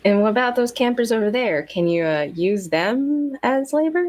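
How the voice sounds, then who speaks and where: A woman voicing a pushy, flirtatious woman reporter who talks smoothly and forwardly, in a tabletop role-play. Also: a little high, lively intonation, normal speed, a little mellow, pitched above the performer's own voice, lightly acted. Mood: scheming.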